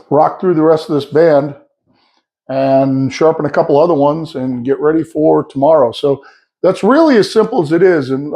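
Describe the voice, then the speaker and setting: Mellow-voiced guy walking through his shop setup, plain talk, lots of uhs. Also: a little high. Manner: plain-spoken, explains step by step with fillers. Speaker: sawmill owner showing his setup. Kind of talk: casual workshop demo. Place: workshop. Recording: echoey, mics off.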